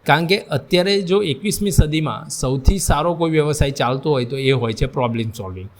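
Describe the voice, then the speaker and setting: A man's voice: a little high, fairly quick. Man teaching a vocational class. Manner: explains mixing English terms into speech; addresses students directly. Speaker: vocational instructor. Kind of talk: classroom lecture.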